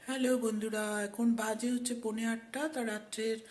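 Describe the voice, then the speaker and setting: A woman's voice: on the high side, level tone, fairly quick, a little mellow. A woman with a sore throat, chatting homely in a casual cooking vlog from her home kitchen, explaining each step. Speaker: vlogger.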